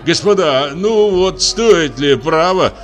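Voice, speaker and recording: A man voicing a fussy, embarrassed middle-aged go-between who tries to smooth things over. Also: fairly high pitch, sing-song, measured pace, faint music behind, pitched above the performer's own voice. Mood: placating. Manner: embarrassed, placating.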